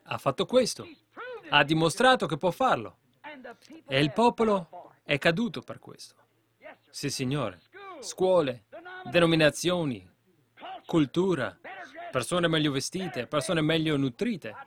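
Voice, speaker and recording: A man's voice: on the high side, animated, unhurried, long pauses. Fervent man preaching a sermon. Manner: fervent, builds to loud exhortations.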